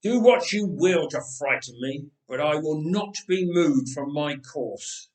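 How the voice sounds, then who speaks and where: A man acts out a wicked old storybook king, paranoid and ruthless. He broods and declares with theatrical force, in a fairly high male voice that rings in an echoing room. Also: lively intonation, a little slow. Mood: brooding, defiant. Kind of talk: dramatic storybook reading. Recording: roomy echoing voice recording.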